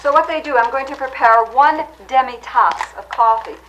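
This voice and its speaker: A woman hosting a comedy cooking segment, explaining absurd claims in an earnest, deadpan way. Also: high-pitched, normal speed, muffled recording, noisy background. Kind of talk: deadpan mock cooking demonstration.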